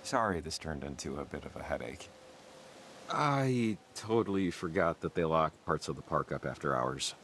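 An actor playing an easygoing young man on a night hike, chatting in relaxed, rambling small talk. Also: very deep voice, moderate pace, a little hiss or hum, heavily acted.

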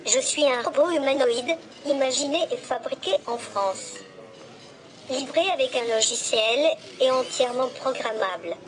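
Small friendly humanoid robot, high synthetic voice sounding female, reads its features in a clipped, even, list-like delivery. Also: moderate pace, poor audio. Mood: cheerful.

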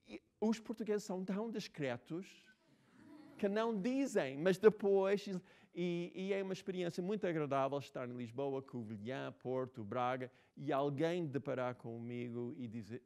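A man in his sixties with an American English accent tells anecdotes in a relaxed interview. He speaks Portuguese as a second language and keeps stopping to restart words. His pitch sits at a middle height for a man. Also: gravelly. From United States. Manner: halting, many restarts and fillers. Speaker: writer being interviewed. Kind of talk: casual interview talk.

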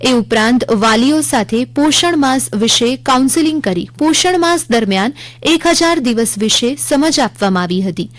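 A woman with a Gujarati accent reading a scripted regional radio news bulletin in a measured, formal way. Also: sits high, lively intonation, no room sound. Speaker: news reader.

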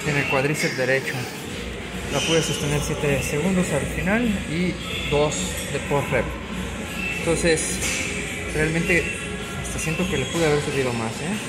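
A man's voice: a little high, rough recording. A man in his thirties talking casually like a gym bro, explaining his workout in a vlog filmed on a phone in a gym. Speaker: fitness vlogger. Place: indoors in a large gym. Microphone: handheld phone at arm's length. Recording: clear gym background noise. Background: gym ambience noise.

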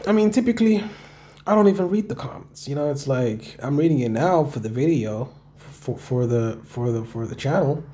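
A man's voice: medium pitch, warm tone. A man casually talking through viewer comments as a video creator, rambling and repeating himself with some swearing. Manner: rambling, repetitive, often swearing. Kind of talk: casual talk, reading and answering comments.

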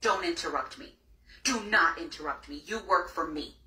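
A woman's voice: on the low side, normal speed. A woman acting an entitled customer who scornfully berates a phone agent, heard as an echoey recording played back from a distance. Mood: contemptuous. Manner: scornful, bossy, shouting down interruptions. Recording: echoey playback heard from far off.

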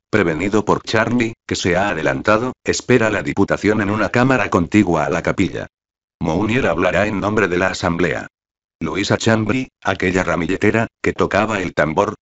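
A man narrating an audiobook in a measured, steady storytelling manner. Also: sits low, highs cut off. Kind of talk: scripted narration.

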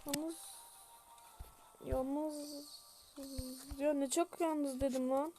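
A woman giving casual gameplay commentary, chatty and self-mocking, shouting orders at her troops. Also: high voice, steady tone, extremely slow, music in the background. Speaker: gaming youtuber.

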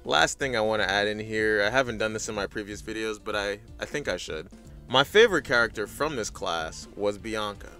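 Recap host: man with a lowish, very bright voice, blunt and sweary casual commentary. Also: brisk, soft background music.

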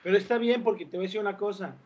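A man's voice: sits high, rapid-fire, darkish tone. A man joining a casual panel chat who speaks emphatically and stresses his points. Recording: dull lo-fi recording.

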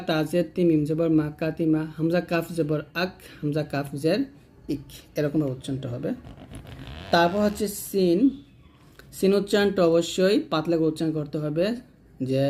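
A man teaching Quran reading, chanting letter and vowel drills in a steady rhythm. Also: a little high. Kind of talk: spelling-drill lesson.

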